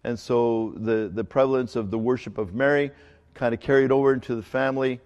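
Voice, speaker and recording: A man's voice: mid-range voice, fairly even intonation, a little mellow, highs cut off. Man preaching in a reverberant hall. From Ecuador. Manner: conversational, halting with fillers and restarts. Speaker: pastor. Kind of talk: sermon.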